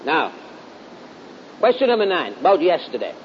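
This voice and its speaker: With a sing-song voice at normal speed, a middle-aged Southern US man delivers a folksy, drawling storytelling sermon, repeating phrases to drive points home. It's captured on a dull lo-fi recording carrying a clear rumbling hiss.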